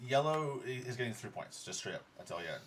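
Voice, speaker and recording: A man's voice: medium pitch, very animated, quick pace, fairly bright tone. Man tallying game points, off-mic. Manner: explains rules and tallies points. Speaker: player explaining the scoring. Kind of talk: casual chat over a board game. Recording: distant mic, faint room noise.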